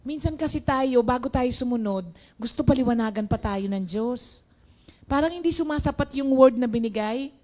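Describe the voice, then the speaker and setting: High-voiced woman preaching casually. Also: normal speed, dark tone. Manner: chatty, mixes in English, addresses listeners as brothers and sisters. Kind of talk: conversational sermon.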